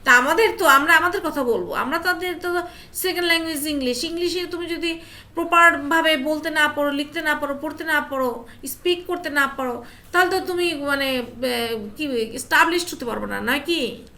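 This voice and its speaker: A woman's voice: high voice, normal speed, sharp tone. A woman teacher leading an online class, coaxing her students with questions and mixing English phrases into her talk.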